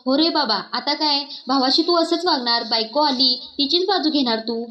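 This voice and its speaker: A woman's voice: sits high, moderate pace, fairly bright tone, muffled recording. A woman voicing a defensive young man who answers with snappish, annoyed retorts. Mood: irritable.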